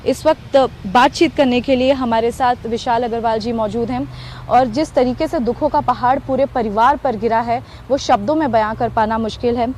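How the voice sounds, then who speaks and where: A woman's voice: fairly high pitch, steady tone, normal speed, darkish tone, slight background noise. A woman TV news reporter asking probing questions in an earnest manner, with small hesitations.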